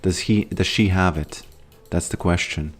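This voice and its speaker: A deep-voiced Latvian man, speaking a little slowly, streams a game and chats loosely with his audience. He rambles, muses aloud, and greets the chat.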